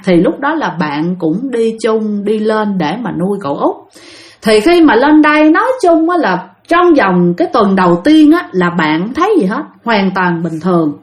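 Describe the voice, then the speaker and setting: Chatty woman storyteller. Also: a little high. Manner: chatty, addresses listeners directly. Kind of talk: retelling spooky stories.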